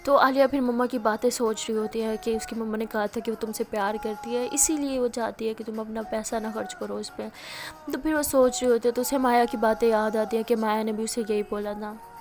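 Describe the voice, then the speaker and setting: A woman telling a love story aloud in a casual, running manner, linking scenes plainly. Her voice sits high and stays fairly level in pitch. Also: steady tone, a little fast. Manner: plain running narration with frequent "to". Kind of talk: casual spoken story narration.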